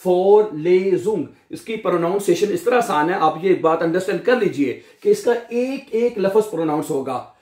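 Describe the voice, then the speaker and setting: A man with a Pakistani accent teaching a German vocabulary lesson, drawing out each German word slowly and asking his students questions. Urdu is his first language. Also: high-pitched, expressive, darkish tone. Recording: echoey room.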